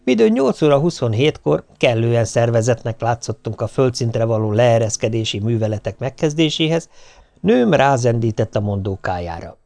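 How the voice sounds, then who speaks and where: A man's voice: mid-range voice, expressive, vocal fry, warm tone, dry recording. Wry male audiobook narrator, dry sound.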